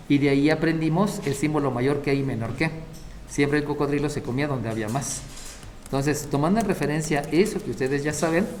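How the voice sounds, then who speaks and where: A man's voice: medium pitch, slight background noise. Man teaching math aloud. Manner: explains step by step, often checking the class with short questions. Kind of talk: classroom math lecture.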